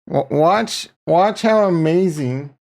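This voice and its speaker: Gravelly man livestreaming with a morning voice. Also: a little high, slow pace, a little mellow. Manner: rambling, self-deprecating, slangy, says brother. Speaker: livestream host. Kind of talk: casual chat to livestream viewers.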